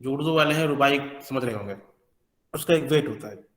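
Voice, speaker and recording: Guy teaching english sounds, hindi with english bits mixed in, says each word slow and twice, echoey room. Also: mid-range voice, fairly bright tone. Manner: explains in Hindi, mixing in English phrases; models words by repeating and contrasting them slowly. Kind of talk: lecture to students. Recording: echoey hall with long reverb.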